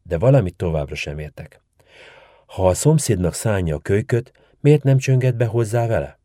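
Courteous young woman, as a male narrator puts her on, pitched up over a dark voice. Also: lively intonation, no room sound, clean studio sound, close to an everyday voice. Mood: curious. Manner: courteous and formal. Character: polite, clever young woman.

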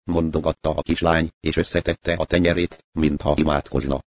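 Deep-voiced man reading a story. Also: little pitch movement. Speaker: narrator. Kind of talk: reading a literary short story aloud.

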